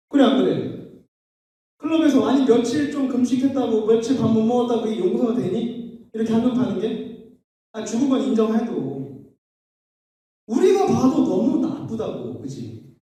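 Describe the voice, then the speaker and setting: A man's voice: very high-pitched, warm tone. A male pastor at a youth retreat, telling stories in a playful way, acting out scenes and leading call-and-response with young listeners. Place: church hall at a youth retreat. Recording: echoey hall, mic at a distance.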